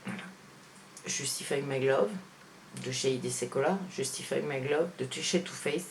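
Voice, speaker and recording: A woman's voice: very deep voice, normal speed, a little hiss or hum. Woman, beauty vlogger, casual makeup review, chatty, blunt opinions, lots of filler words, faint ambience. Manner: chatty, hesitant, full of "voilà" and "hein" fillers; frank, opinionated. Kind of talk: casual product comparison vlog.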